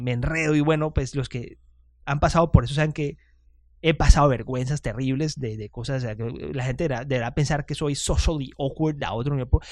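A man's voice: on the high side, a little mellow, no room sound, clean studio sound. A chatty man hosting a casual podcast monologue, self-deprecating and often restarting his sentences. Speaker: podcast host.

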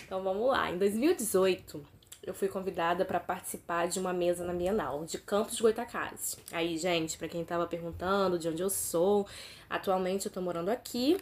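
Animated Brazilian woman hosting a podcast. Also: lowish voice, moderate pace, a little hiss or hum. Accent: Brazilian Portuguese, Rio de Janeiro state. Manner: animated, emphatic, talks to listeners directly. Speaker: podcast host and teacher. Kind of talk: solo podcast monologue.

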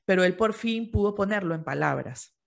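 A man working as a psychologist, explaining cases from his practice in a relaxed conversation. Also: high-pitched, normal speed, vocal fry. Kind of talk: casual conversation.

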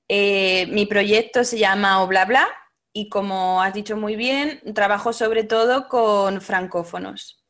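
A woman's voice: medium pitch, a bit bright. A woman, a teacher speaking as a podcast guest, thoughtful and often hesitating. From Spain. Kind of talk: casual interview talk.

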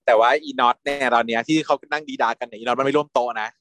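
A man's voice: mid-range voice, fairly even intonation, racing, a bit bright, no room sound. A man telling a series' plot in casual, blunt, slangy chat, laughing often. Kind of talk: casual gossipy recap of a TV series.

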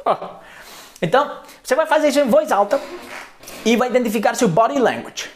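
A man's voice: very high-pitched, animated, fairly quick, a little hiss or hum. Guy in his 30s, english coach on a live stream, playful and chatty, keeps tossing in little tag questions. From Colombia. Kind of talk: live-streamed language lesson.

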